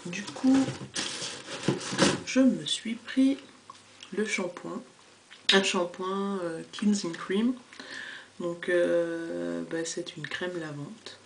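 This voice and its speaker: A woman with a slightly low voice chats through a casual haul vlog about her hair products. She hesitates often, filling gaps and correcting herself as she goes. A faint hiss and a few clicks sit behind her voice. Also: drawn-out words, gravelly, pauses often. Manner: hesitant, many fillers, self-correcting. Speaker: vlogger reviewing hair products.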